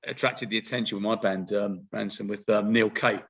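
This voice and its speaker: A British man hosts a casual interview, talking quickly with a gravelly, husky voice. He chats eagerly and often repeats words as he starts sentences. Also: lowish voice, fairly even intonation, fairly bright tone. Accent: British English. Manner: chatty, stumbling repetitions. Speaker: interview host.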